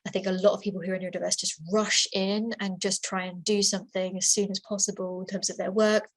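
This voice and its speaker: A woman talks fast and flatly in a mid-range voice, presenting a webinar as a workplace assessor over her computer microphone. Her manner is casual and conversational, with repetition, lots of fillers, and restarts.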